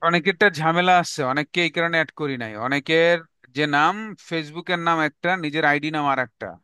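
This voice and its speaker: A Bangladeshi-accented man teaches an online English lesson. He says each English phrase slowly, repeats it, then explains it. His voice is bright and fairly high, and the sound is close and dry. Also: smooth, dry recording. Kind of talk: online class lecture.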